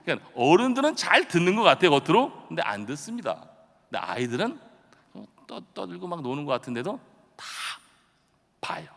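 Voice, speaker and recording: A middle-aged man preaching a dawn revival sermon, telling stories in a chatty, self-deprecating way and bursting into sudden loud shouts. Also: fairly high pitch, huge pitch swings, fairly quick, vocal fry. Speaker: pastor. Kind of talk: early-morning revival sermon. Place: church sanctuary. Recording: long church-hall reverb.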